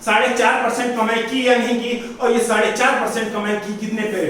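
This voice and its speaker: A man's voice: very high voice, level tone, fairly quick, a bit bright. A man teaching a maths lesson, repeating each question back to his students as he works through the sums. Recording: roomy echo, far from the mic, faint hiss.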